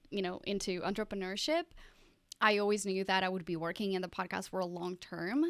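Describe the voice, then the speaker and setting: A woman's voice: medium pitch, dry recording. A woman from Portugal, talking as a guest in a casual interview, chatty and upbeat. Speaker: podcast guest.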